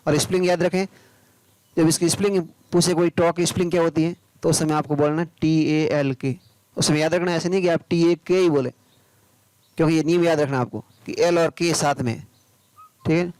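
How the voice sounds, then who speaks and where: A man, teaching English pronunciation, spelling out words letter by letter and then explaining them slowly. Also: a little high, fairly even intonation, darkish tone, no echo, poor audio. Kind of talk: pronunciation lesson.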